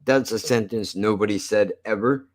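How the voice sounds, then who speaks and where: A man's voice: lowish voice, normal speed. An American man chatting casually on a live stream, blunt and profane, with slightly slurred, lisping speech as if his teeth are missing. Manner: blunt, profane, self-deprecating.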